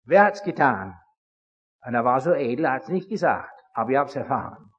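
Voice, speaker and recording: A man giving a religious lecture to an audience, telling stories with lively acted-out dialogue. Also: medium pitch, fairly quick, a little hiss or hum. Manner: animated storytelling that acts out dialogue. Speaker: speaker addressing an audience. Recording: dull, lo-fi recording in an echoing hall.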